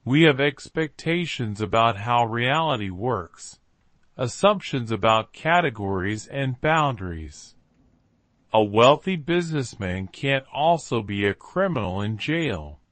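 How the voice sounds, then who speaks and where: A man's voice: medium pitch, lively intonation, measured pace, a bit bright, no echo. A man voicing a thoughtful, self-assured detective in story dialogue, in a reflective fireside storytelling manner. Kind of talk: story dialogue read by narrator.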